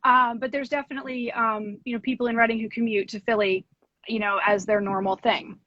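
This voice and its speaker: A woman's voice: on the high side, steady tone, a little fast, dry recording. A woman from Pennsylvania in her thirties, an education consultant chatting as a guest in an interview, with lots of ums and a self-deprecating way of talking. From Pennsylvania, USA. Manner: frequent ums, self-deprecating, laughs easily. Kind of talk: casual interview chat. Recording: dull dry lo-fi audio from a live stream.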